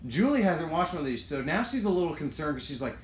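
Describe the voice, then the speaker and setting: A young man casually telling a rowdy story with plenty of swearing, acting out his own shouts as he goes. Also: on the high side, very animated, quick pace. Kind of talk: casual chat. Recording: echoey room with some noise.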